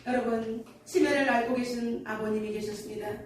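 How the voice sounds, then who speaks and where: A woman's voice: on the high side, steady tone, a little fast, a little hiss or hum. A woman pastor preaching a sermon earnestly and telling a story, recorded in a church sanctuary from a distance. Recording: echoey church hall from afar.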